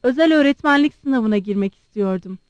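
A woman reading aloud and voicing a shy young prince who speaks haltingly and stammers. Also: on the high side, lively intonation, no echo, dull audio, natural voice. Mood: hesitant. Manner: hesitant, halting.

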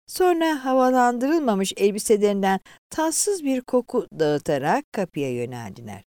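A woman's voice: mid-range voice, dark tone, no room sound, studio quality. Woman narrating a story expressively.

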